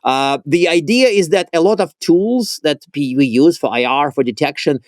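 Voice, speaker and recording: A man co-hosting a podcast, talking in an animated way with quick asides and self-interruptions. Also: fairly high pitch, dry recording. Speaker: podcast co-host. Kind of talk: casual conversational chat.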